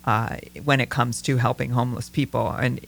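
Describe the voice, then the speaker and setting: Gravelly-voiced man discussing politics. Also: medium pitch, flat delivery, normal speed, fairly bright tone. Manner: thoughtful, hesitant, many fillers and restarts. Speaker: political talk show co-host.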